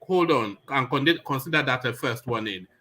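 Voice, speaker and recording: A man hosting a casual live political talk stream, halting and repeating words as he moderates. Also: mid-range voice, lively intonation, sharp tone. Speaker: livestream host and moderator.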